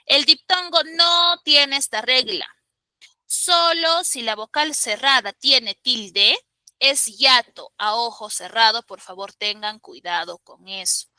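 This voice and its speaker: Woman teacher, high pitch, bright tone, emphatic, asks the class questions. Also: slow pace, dry recording, rough recording. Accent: Peruvian Spanish. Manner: emphatic, questioning students step by step. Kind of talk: classroom grammar lesson.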